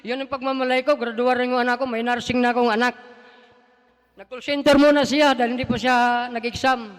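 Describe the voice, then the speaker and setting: Middle-aged man, very high smooth voice, halting church testimony, big hall reverb. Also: flat delivery. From Philippines. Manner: halting, voice rising as he praises God. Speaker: church member giving testimony. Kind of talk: emotional personal testimony.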